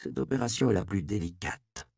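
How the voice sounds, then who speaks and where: A man voicing a grave, curt apothecary master who explains his work calmly. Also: fairly low pitch, fairly quick, gravelly, dry recording, clean studio sound. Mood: instructive.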